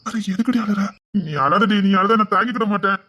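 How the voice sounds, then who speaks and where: An actor playing a jobless husband in a family drama, speaking Tamil with a Tirunelveli accent in an anxious, pleading way, at times slowed down by tears. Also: male voice, sits high, pushed and bright. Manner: anxious, pleading, cries and slows when upset. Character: jobless husband, guilt-ridden and tender. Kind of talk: web series family drama.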